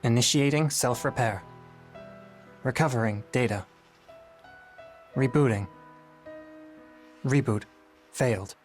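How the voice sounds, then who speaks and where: A man's voice: mid-range voice, lightly acted. A man voicing a glitching old robot. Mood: rebooting. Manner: formal, measured and stiff. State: glitching and stuttering through system errors. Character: aging male automaton, calm, formal and gentle. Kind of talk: game dialogue. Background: game music.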